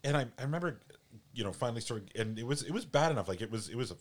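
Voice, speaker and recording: A man telling a personal story in casual chat, halting and full of restarts. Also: mid-range voice, expressive.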